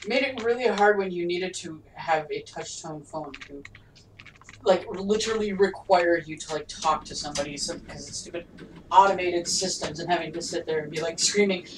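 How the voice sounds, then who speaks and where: A woman's voice: lowish voice, moderate pace, slight background noise. A woman co-hosting a game stream, chatting in a wry, grumbling, sarcastic way. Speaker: co-host on stream. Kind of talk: casual stream chat. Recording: roomy, distant mic.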